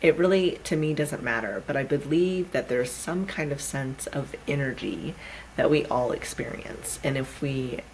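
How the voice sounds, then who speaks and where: A woman in her thirties with a low-pitched voice hosts her own unscripted podcast. She talks in a candid, reflective way and often restarts her sentences with fillers. A faint hum of background noise sits under her voice. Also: normal speed, darkish tone, poor audio. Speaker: podcast host. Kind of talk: unscripted solo podcast talk.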